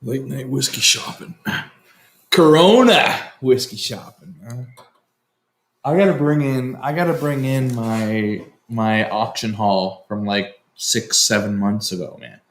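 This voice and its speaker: A man co-hosting a casual chat, blunt and quick to swear. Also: mid-range voice, fairly even intonation, reverberant. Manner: blunt and profane. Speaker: co-host.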